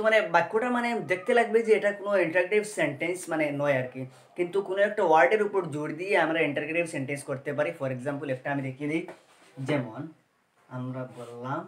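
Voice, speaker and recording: A male English grammar teacher with a slightly high voice gives a grammar lesson in Bengali from an echoey room. He explains slowly and step by step, asking rhetorical questions and answering them himself, and reads out example sentences slowly, word by word.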